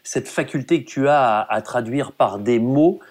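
A man's voice: mid-range voice, moderate pace, a little mellow. A man hosting an interview, attentive and echoing his guest. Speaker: host. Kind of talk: interview talk.

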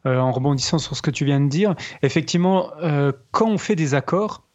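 A man, a guitarist co-host explaining technique in casual chat, pausing to find his words. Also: on the high side, expressive, a little mellow, a little hiss or hum. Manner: explanatory, pauses to search for words. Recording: slightly dull lo-fi sound.

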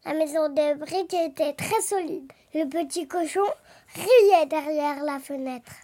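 A woman reading a children's fairy tale aloud in an expressive, lively storytelling manner. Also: high-pitched, a little slow.

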